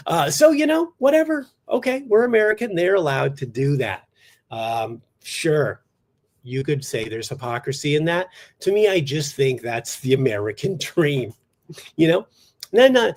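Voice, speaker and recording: A man hosting a solo comedy podcast in a studio, ranting sarcastically with deadpan asides and bursts of mock outrage. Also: medium pitch. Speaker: podcast host.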